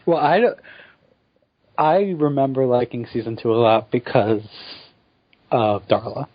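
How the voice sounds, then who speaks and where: A man's voice: mid-range voice, measured pace, no room sound, highs cut off. A man co-hosting a podcast in casual chat, with dry, wry remarks. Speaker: podcast co-host.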